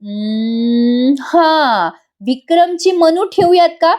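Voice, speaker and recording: A woman's voice: high-pitched, lively intonation, slow pace, darkish tone, pitched above the performer's own voice. A woman voicing a cheerful, affectionate young daughter-in-law who coaxes and teases.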